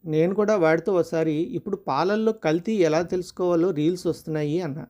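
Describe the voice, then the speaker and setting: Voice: medium pitch, steady tone, fast, mellow, close to an everyday voice. A storyteller voicing a middle-class working wife and mother who is irritable and sarcastic, read in a storybook style. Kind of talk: storytelling dialogue.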